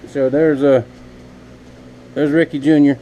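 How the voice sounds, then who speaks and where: A knifemaker addresses viewers as y'all in a rambling, folksy vlog chat from his home workshop. His somewhat high, dark voice has a flat delivery at a measured pace, and the poor audio has slight background noise.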